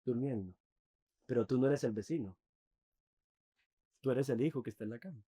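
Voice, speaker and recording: A man preaching a sermon as pastor, earnest, often dropping to soft, intimate tones. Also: medium pitch, moderate pace, slightly rough.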